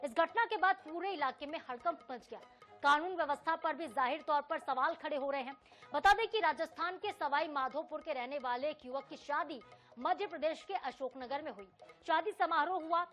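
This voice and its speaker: A female news anchor with a high, bright voice reads the day's stories in a brisk, formal manner. She puts pointed questions to a reporter on a live link. Faint music plays under her in the studio.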